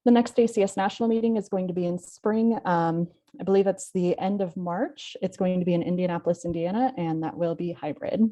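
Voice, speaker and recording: A woman hosting an online webinar over a video call, speaking plainly with some halting self-corrections. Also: fairly low pitch, steady tone, warm tone, lo-fi sound. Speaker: event host.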